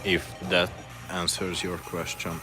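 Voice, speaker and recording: A Hungarian lure maker with a Hungarian accent chats casually on a livestream while painting fishing lures in his workshop, answering viewer questions between tasks. His voice is low, with little pitch movement and an unhurried pace, heard over loud music.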